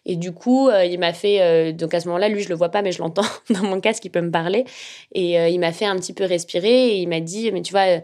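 A young woman, a journalist, telling her own story in a relaxed, hesitant way, with a slightly nasal voice and many fillers. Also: lowish voice, fast. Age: young adult. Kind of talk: casual personal storytelling.

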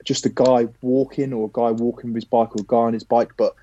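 A man, a professional footballer, telling a lively anecdote as a podcast guest, casually swearing now and then. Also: medium pitch, quick pace, no echo, dull audio.

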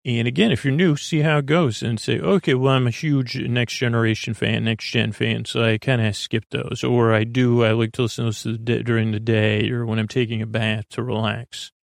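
In a rambling, unscripted bedtime podcast, a man with a gravelly, fry-tinged voice of middling pitch and little pitch movement meanders from thought to thought, trailing off, doubling back and restarting often. He comes across as soothing and undemanding. The sound is dry and close, without any room ambience.

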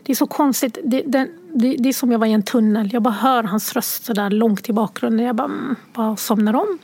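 A woman recounts a personal story, tearful and halting. Her voice sits a little high and often drops to a hushed, near-whispered tone as she searches for words. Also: breathy edge. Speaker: guest sharing a personal story.

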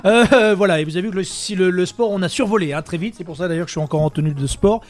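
Quick-talking young man co-hosting. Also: high-pitched. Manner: jokey, quick, radio-style announcing. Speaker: co-host. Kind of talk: casual chat.

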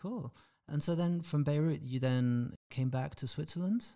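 A man's voice: a little high, moderate pace, gravelly, dark tone. A man hosting an interview podcast, asking the guest brief, easygoing questions. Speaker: podcast host.

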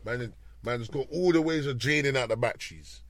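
This interview guest, once a garage MC and rapper, speaks at medium pitch and normal speed with a somewhat bright tone and no room sound. His South London roadman accent carries laid-back street-slang storytelling, with "you get me" tagged on again and again.

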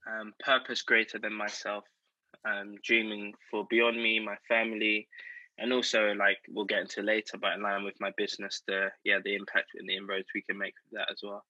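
A man's voice: fairly low pitch, completely flat delivery, brisk, sharp tone, dry recording, highs cut off. A man with a South London accent, chatting casually as a guest in an interview. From South London, England. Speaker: podcast guest.

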